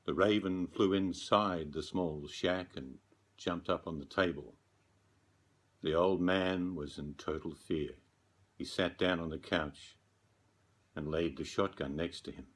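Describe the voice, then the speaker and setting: A middle-aged man narrating a bedtime story gravely and dramatically, with long pauses. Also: deep voice, steady tone. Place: small dark room, candlelit, indoors.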